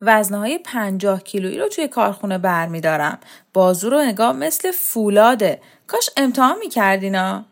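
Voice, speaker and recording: A woman voicing a boastful strongman neighbor who talks loud and showy. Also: medium pitch, sing-song.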